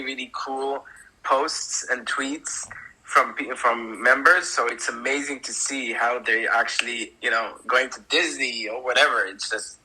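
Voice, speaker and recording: A man's voice: medium pitch, pushed and bright, breathy edge, low-quality recording. A man hosting a casual group voice chat, eagerly affirming others and repeating his praise. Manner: affirming, repeats "amazing" and "yes". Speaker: host.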